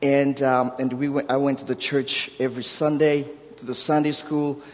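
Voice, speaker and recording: In a church sanctuary with long hall reverb, a guest preacher delivers a sermon in a level, mid-range voice at a moderate pace. He is a Burundian man in his thirties, a Kirundi native speaker with a Burundian accent. He tells warm stories, pokes fun at himself, and builds his emphasis steadily.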